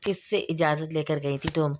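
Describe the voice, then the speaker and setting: A woman reading a novel aloud and voicing a brusque, possessive young husband with sharp, demanding questions. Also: sits low, steady tone, normal speed, a little hiss or hum, lightly acted. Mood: scolding.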